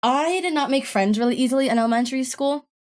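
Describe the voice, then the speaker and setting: A young woman with a deep voice talks fast, telling stories as a podcast guest. The conversation is casual and rambling, packed with laughter and curse words.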